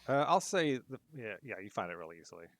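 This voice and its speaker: A man's voice: mid-range voice, sing-song, fast talker, fairly bright tone, no echo. A man narrating a tabletop game as game master, easygoing with many fillers.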